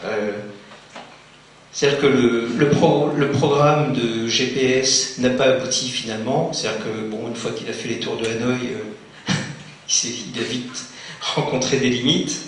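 Conference speaker, male, relaxed lecture delivery full of restarts, booming hall echo, faint hiss. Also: measured pace. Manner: conversational, many fillers and restarts, jokes with audience. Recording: very echoey hall, faint noise.

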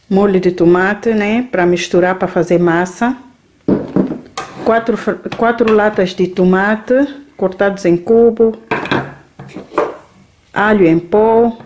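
A woman unpacks her groceries in her home kitchen, naming each item at a slow, easy pace. She tags her phrases with little checks to the viewer. A faint hiss sits under the camera mic. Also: medium pitch, steady tone, darkish tone. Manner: unhurried, listing items with frequent "tá?" and "né?" tags. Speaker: vlogger. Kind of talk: grocery haul vlog.

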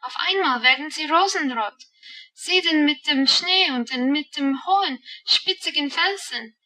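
A woman voicing Heidi, an excited little girl. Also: sits high, slow pace, far from the mic, voice pushed up, full character voice, low-quality recording. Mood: awestruck. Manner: gushing, exclaiming, breathless wonder.

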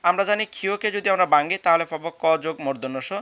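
A male teacher with a Bangladeshi Bengali accent explains a lesson to students, going over each rule twice and spelling out words. His voice is bright and fairly high for a man. The recording is dry and close, with no room sound. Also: fast, clean tone, dry recording. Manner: patient, repeats and spells out examples. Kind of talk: classroom lesson explaining rules.

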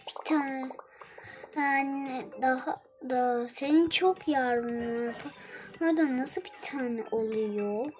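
High-voiced young girl cooing through a game. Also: takes it slowly, background noise. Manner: chatty, coos at baby animals, talks to herself. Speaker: gamer. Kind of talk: casual game commentary.

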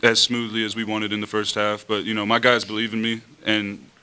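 A young man, a college quarterback, answering at a post-game press conference in a relaxed, easy way at a table mic. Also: on the low side, brisk, smooth. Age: young adult. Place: press room in front of a team backdrop. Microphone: table mic on a stand.

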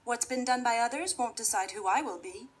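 A woman's voice: a little high, brisk, husky, pitched above the performer's own voice. A woman voicing a bold, self-assured young heroine in a rhyming storybook, speaking firmly.

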